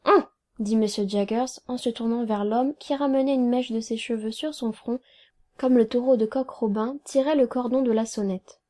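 A woman reading a novel aloud in a calm, even, quietly measured narration. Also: fairly high pitch. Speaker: audiobook reader.

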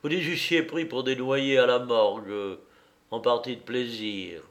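An audiobook reader with a mid-range voice narrates a literary story aloud, slow, measured and expressive.

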